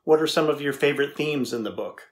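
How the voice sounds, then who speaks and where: A middle-aged man talks fast in a fairly high, natural-sounding voice, playing a skeptical, curious tech engineer interviewing an AI. The scripted dramatization takes place indoors against a plain backdrop, and his manner is matter-of-fact, inquisitive and probing.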